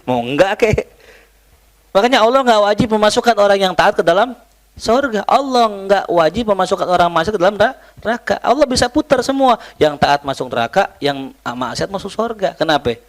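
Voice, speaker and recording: Speaking with a high, slightly fast voice, a man leads an Islamic study class, blending Arabic recitation with colloquial Jakarta slang. His religious lecture is lively, full of joking asides to his students.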